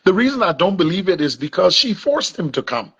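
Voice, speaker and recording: A man with a Liberian accent talks in a husky voice that sits a little high for a man. He stumbles and repeats words as he presses his argument. The audio sounds dull and lo-fi. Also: very animated, a bit bright. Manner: halting restarts, repeats words while building an argument. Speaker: interview guest. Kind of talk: remote interview, defending his account.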